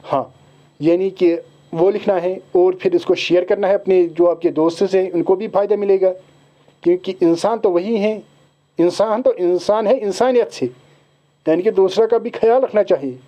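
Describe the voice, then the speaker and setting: High-voiced Kashmiri teacher, lo-fi sound. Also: male voice. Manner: switches into slow, deliberate English. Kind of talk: explaining an exam syllabus to students. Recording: dull lo-fi recording.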